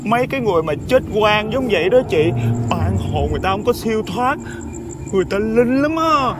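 A man's voice: high voice, lively intonation, a little fast. Man doing a whiny scared little brother, noisy outdoor sound. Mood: spooked. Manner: whiny and fearful. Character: timid younger brother telling ghost tales.

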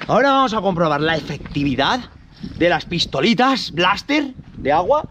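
A man in his forties with an accent from Spain, playfully presenting toys to children outdoors with drawn-out exclamations. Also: high-pitched, sing-song, a bit bright, slight background noise. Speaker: host dad presenting toys with his kids. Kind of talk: playful toy unboxing and demo for children. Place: outdoors in a park. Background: music.

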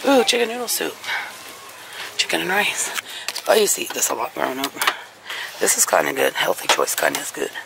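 A woman chats with viewers as she browses a large discount store, recorded on a handheld camera she carries while walking, with shop sounds behind her. Her deep, creaky voice swings hugely in pitch, moves briskly, and pauses often in this casual shop-along commentary.

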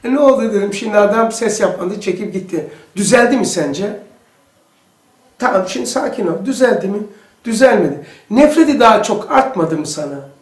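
A man's voice: sits high, normal speed, reverberant. A man teaching an informal religious lesson, telling stories animatedly and acting out the people he quotes. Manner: animated storytelling, acts out quoted speech.

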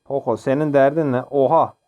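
A man's voice: mid-range voice, brisk, lo-fi sound. A young man giving casual, jokey commentary while playing a mobile game, often yelping and laughing. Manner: excitable, jokey, yelps and laughs during play. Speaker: gaming channel host.

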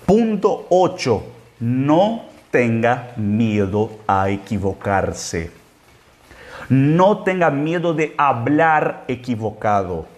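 A man teaching Spanish on a phone live stream. His voice moves up and down with lively emphasis. He explains patiently and draws out single words so the listener can hear how they are pronounced. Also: mid-range voice. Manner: explains slowly, stretches words to show pronunciation. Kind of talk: live-streamed language lesson.

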